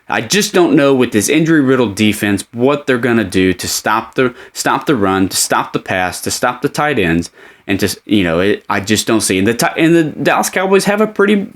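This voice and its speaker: A man giving opinionated, conversational sports commentary as a podcast host, speaking emphatically from a fan's standpoint. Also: on the low side.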